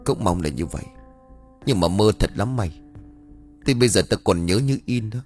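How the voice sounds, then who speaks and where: A man voicing a worried young village husband who talks in an earnest, hurried way. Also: on the low side, expressive, darkish tone, faint music behind, lightly acted.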